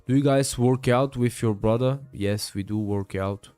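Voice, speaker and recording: This day trader streaming live is a man in his late twenties who sounds tired after a long session as he casually explains his trades, responds to chat, and keeps calling people "bro" between many fillers. His voice is medium in pitch and mellow, at a moderate pace, with soft background music.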